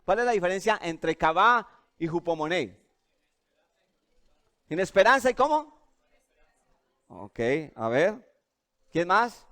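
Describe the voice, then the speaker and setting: A man preaching a sermon as pastor, questioning his listeners over and over in an animated way. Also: high-pitched, slow pace, pauses often. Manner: animated and questioning, asks the audience often.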